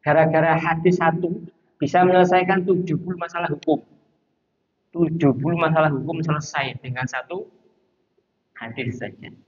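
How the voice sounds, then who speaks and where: Man, high voice, animated mosque lecture, muffled lo-fi recording. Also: moderate pace, long pauses. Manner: animated, acts out little scenes and chants to show intonation. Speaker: ustaz giving a mosque lecture on fiqh. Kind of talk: conversational religious lecture. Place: mosque hall.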